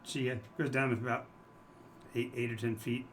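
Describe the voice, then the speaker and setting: A man's voice: mid-range voice, little pitch movement, moderate pace. A man narrating a tabletop game as the game master. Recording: noisy room with ambience.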